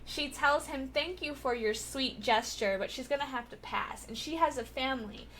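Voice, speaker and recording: A woman's voice: high voice, moderate pace, fairly bright tone, a little hiss or hum. A young woman casually recapping a TV episode, chatty and giggly, with lots of filler words. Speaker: TV recap vlogger.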